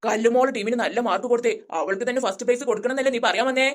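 A voice actor doing a quick-talking cartoon grandma principal. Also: mid-range voice, close to an everyday voice. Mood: fond. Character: older woman school principal, kindly and knowing. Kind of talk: cartoon voice acting.

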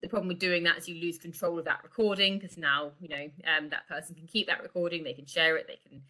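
On a video call microphone, a middle-aged woman walks through a product informally, like an online sales pitch, explaining in a chatty manner. Her voice is slightly low for a woman yet bright and forward, with a level tone and a fast pace.

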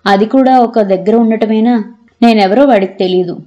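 A woman's voice: a little high, moderate pace, dark tone, muffled recording, faint music behind, lightly acted. A woman narrator voicing a grieving elderly father with a trembling, tearful voice. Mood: bitter. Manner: sorrowful and weary.

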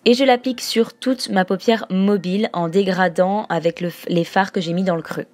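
A woman at a mid-range pitch talks through a makeup tutorial in a voice-over, explaining each step plainly. She often pauses on little fillers as she goes. Soft music plays faintly underneath. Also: steady tone, no room sound. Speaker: beauty vlogger.

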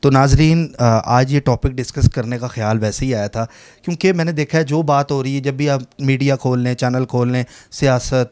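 A man's voice: medium pitch, darkish tone. Earnest, chatty Pakistani male host. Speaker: interview host. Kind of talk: casual interview chat.

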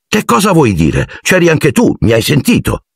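Man voicing a young boy wizard, earnest, defiant, husky lift, audiobook. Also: fairly high pitch, huge pitch swings, no echo, clean studio sound, voice pushed up, heavily acted. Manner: earnest, quick to anger.

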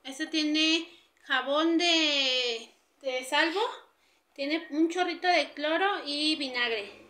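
Woman, 30s, high bright voice, casual cleaning vlog, kitchen at home, camera on the counter. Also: very slow. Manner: chatty, addresses viewers directly. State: sweaty from cleaning. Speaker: vlogger.

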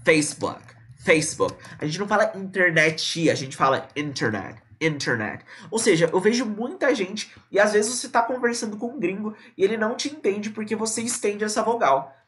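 Brazilian guy doing a live english class, super casual, says words slow and over again. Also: high voice, animated. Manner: casual, chatty, repeats words and models pronunciation slowly. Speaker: English teacher. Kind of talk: live online English lesson. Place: indoors at a computer, streaming live.

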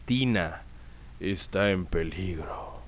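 A man playing a mission giver who briefs the hero in a calm, serious way. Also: deep voice, slow, heavy background noise. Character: deep-voiced man giving missions.

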